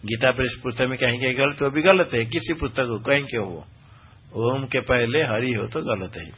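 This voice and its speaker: A man's voice: medium pitch, normal speed, slight background noise. A male spiritual teacher explaining scripture recitation. He is exacting, corrects pronunciation point by point and quizzes his listeners. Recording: dull lo-fi recording.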